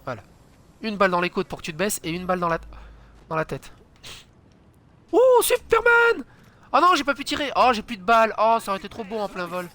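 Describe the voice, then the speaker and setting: High, bright-voiced man doing gameplay commentary. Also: quick pace. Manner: chatty, swears a lot, jumps into loud exclamations. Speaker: gaming channel host. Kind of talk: let's play commentary.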